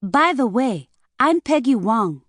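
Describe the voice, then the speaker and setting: A woman's voice: a little high, very animated, slow, no room sound, studio quality, pitched above the performer's own voice. A woman narrator voicing a chatty young woman receptionist with a slight Chinese accent and a hint of southern drawl.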